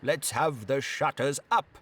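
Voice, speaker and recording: An audiobook narrator voicing a boisterous, jolly old male merchant who calls out loudly and heartily. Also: mid-range voice, a little slow, voice pushed up. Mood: jovial shouting. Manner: loud, hearty, shouting. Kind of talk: audiobook character voice.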